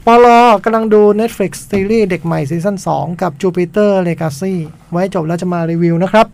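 A man hosting a casual radio show, chatting and teasing his co-host in a relaxed way. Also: high-pitched, moderate pace, vocal fry. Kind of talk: casual chat.

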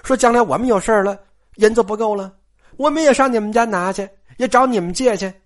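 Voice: mid-range voice, quick pace, close to an everyday voice. A storyteller putting on a sly, sweet-talking noblewoman. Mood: coaxing. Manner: sweet-talking, coaxing, then sharp and scolding. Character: sly, smooth-talking noblewoman steward of a great house. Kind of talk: storyteller acting a character.

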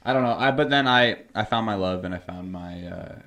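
A young man with a very low voice co-hosts a casual podcast. He speaks haltingly, filling gaps with "uh" and starting over. He keeps the tone relaxed. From Canada. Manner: hesitant, many fillers and restarts. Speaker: podcast co-host.

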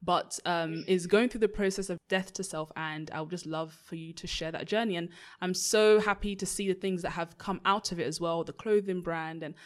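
A woman's voice: fairly low pitch, fairly even intonation, normal speed, hardly any pauses. A young woman hosting a faith podcast, talking in an upbeat, casual way with frequent praise. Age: young adult. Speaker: podcast host.

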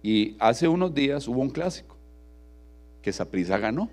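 A middle-aged man with a Costa Rican accent, preaching a sermon. He tells personal stories, tags many phrases with "¿verdad?", and builds to loud, forceful emphasis. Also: mid-range voice, sing-song, normal speed. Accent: Costa Rican Spanish. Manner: frequent tag question "¿verdad?", storytelling, rising to forceful emphasis. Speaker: pastor.

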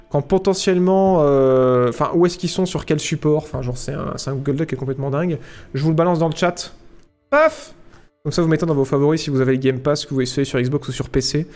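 Playful higher-voiced man streaming. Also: fairly even intonation, fast talker, darkish tone, faint music behind. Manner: chatty and playful, tosses in sound effects like "paf" and "bam". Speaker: livestreamer answering chat. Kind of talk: casual livestream chat.

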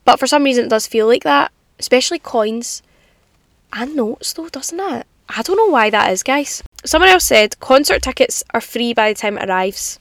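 A young woman chats casually and confidingly as a solo podcast host, in animated girly slang, from inside a parked car in the rain. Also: on the high side, moderate pace, dry recording, clean studio sound. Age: young adult.

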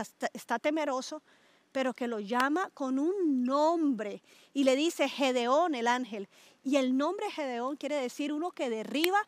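A middle-aged woman pastor from Colombia, preaching in a conversational way and asking her listeners questions. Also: high voice. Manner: animated, asks listeners questions, stretches words for emphasis. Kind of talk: conversational sermon to a small group.

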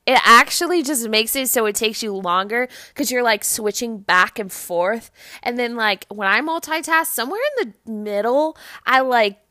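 A young woman hosts her own show and talks through motivational tips in a loose, chatty way, leaning on "like" as she goes. Her voice sits a little high and sounds bright and sharp. The recording is dry and close. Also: no room sound. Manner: chatty, fills talk with "like". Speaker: podcast host. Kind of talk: casual motivational talk.

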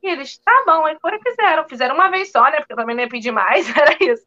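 A woman, a guest actress, telling stories in a lively, animated way, acting out quotes and laughing. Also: high-pitched, rapid-fire, highs cut off. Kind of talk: casual storytelling chat.

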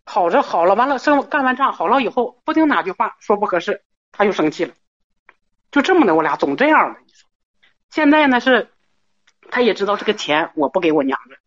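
A woman's voice: medium pitch, big pitch swings, fairly quick, no echo, dull audio. A middle-aged woman, calling in to an advice show and rambling nervously with many restarts. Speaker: caller. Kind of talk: call-in advice talk.

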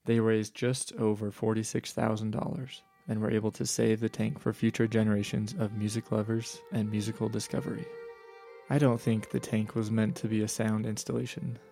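A man hosting a travel show, reading scripted narration in a measured, storytelling way. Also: lowish voice, little pitch movement, vocal fry, mellow, soft background music.

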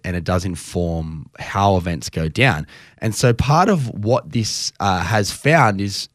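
Low-voiced man chatting, dry close mic. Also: no room sound. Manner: rambling, self-interrupting, jokey asides. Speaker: podcast co-host. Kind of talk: casual chat.

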